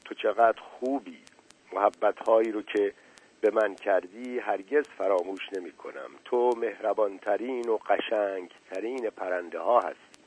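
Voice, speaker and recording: A man voicing a small, wounded female sparrow in a storybook reading, speaking softly and gratefully. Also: on the low side, slightly rough, poor audio. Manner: soft, warm, grateful. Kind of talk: storybook character voice.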